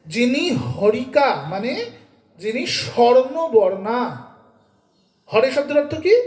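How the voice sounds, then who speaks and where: High-pitched guy preaching and chanting to a gathering, echoey room. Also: a little mellow. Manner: asks the audience questions, chants verses slowly. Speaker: Gita and Harikatha reciter. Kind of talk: devotional discourse with sung kirtan. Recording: roomy echo.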